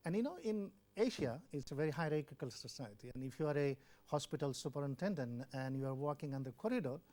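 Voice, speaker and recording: An older Bangladeshi man, once the WHO's country representative, recounts his life story in an interview with real earnestness. His voice is slightly high, animated, quick and somewhat dark in tone. He repeats words and performs the dialogue he remembers.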